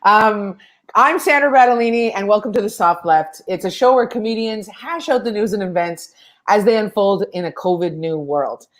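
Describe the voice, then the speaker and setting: A woman's voice: medium pitch, moderate pace. Woman host, brash and swearing, rambling casual delivery. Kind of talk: casual comedic monologue.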